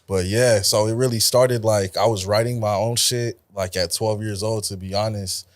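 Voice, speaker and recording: A man's voice: on the low side, fairly even intonation, normal speed, dry recording. Laid-back, slangy young man rapper. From Los Angeles area. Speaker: rapper guest. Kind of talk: casual interview chat.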